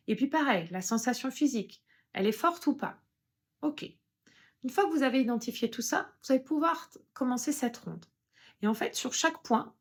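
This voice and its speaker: Calm woman guiding an EFT tapping round. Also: on the high side. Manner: calm explanatory, with hesitations. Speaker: EFT practitioner. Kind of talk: guided self-help demonstration.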